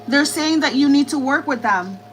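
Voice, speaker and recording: A woman's voice: high-pitched, animated, moderate pace, fairly bright tone, slight background noise, low-quality recording. A woman doing a live tarot reading, repeating herself reassuringly as she relays messages from spirits. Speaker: tarot reader.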